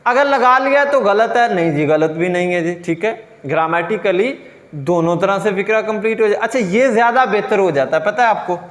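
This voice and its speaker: A man's voice: sits high, big-room sound. A man giving a grammar lecture, explaining step by step and asking questions that he answers himself. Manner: reads English example sentences slowly and deliberately. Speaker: English grammar teacher.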